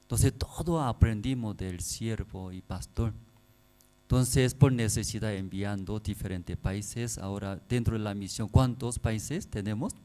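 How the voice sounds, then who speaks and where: Korean-accented pastor guy preaching, halting words, keeps asking the crowd little questions, low mellow voice. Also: low-quality recording. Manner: halting non-native Spanish, frequent rhetorical questions to congregation. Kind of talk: sermon.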